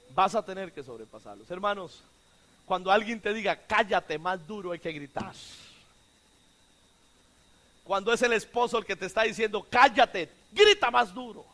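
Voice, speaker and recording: Pastor guy preaching, really high sharp voice, gets folks to repeat after him. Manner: preaching with sudden shouts and hushed dramatic quotes. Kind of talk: sermon.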